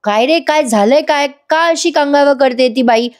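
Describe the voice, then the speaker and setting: A woman's voice: sits high, moderate pace, pitched above the performer's own voice, lightly acted. A woman voicing an irritated wealthy young man asking curt questions.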